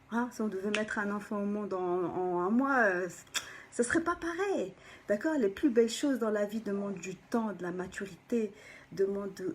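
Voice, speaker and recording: A woman, a personal development coach, gives an animated motivational talk to viewers, often checking in with them and sometimes dropping into a soft whisper for emphasis. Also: mid-range voice, a little hiss or hum. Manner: animated, keeps checking in with the listener.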